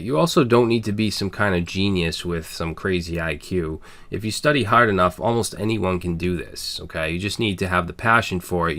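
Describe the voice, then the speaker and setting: A low-pitched, slightly bright male voice belongs to a programming channel host in his thirties from Boston, judging by the accent. He talks to his viewers openly and sincerely, in simple language with frequent "um" and "all right."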